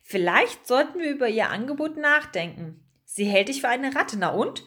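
A woman voicing a calm, thoughtful male mouse who speaks earnestly. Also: high voice, moderate pace, voice pushed up.

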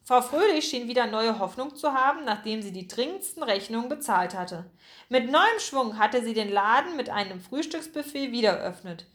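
A woman reads a children's audiobook aloud. Her narration is clear and expressive, and her voice sits on the high side. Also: moderate pace.

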